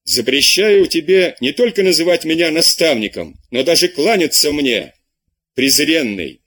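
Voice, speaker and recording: A man doing an enraged old abbé, husky. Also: fairly high pitch, lively intonation, measured pace. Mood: outraged. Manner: shouting, indignant tirades. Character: furious older male abbé tutor, scolding.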